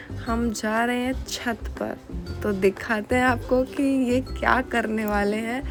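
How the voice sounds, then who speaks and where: A woman's voice: fairly high pitch, gravelly. Chatty young woman narrating a home vlog. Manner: giggly, chatty storytelling. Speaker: vlogger.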